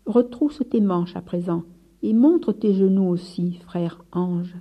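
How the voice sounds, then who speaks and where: A woman reading the part of a fervent, gentle male friar who leads his brothers, speaking earnestly with rising urgency. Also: lowish voice, animated, slow pace, muffled recording, full character voice. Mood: earnest, stern.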